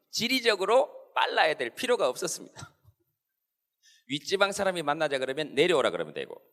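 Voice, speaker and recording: Animated man in a reverberant hall. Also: fairly high pitch. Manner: animated, playful, quoting insults in mock voices. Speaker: comedian giving a satirical talk. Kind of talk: stand-up style satirical lecture to an audience.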